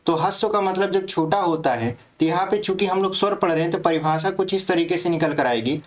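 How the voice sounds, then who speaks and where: A man's voice: sits high, brisk. A man teaching a grammar lesson for exam prep, explaining step by step and often checking that students follow.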